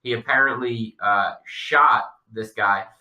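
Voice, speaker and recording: A man with a deep Southern US accent, chatting casually as a podcast co-host. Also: slow, bright, forceful tone. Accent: Southern US drawl. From Long Island, later North Carolina. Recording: roomy echo, distant mic.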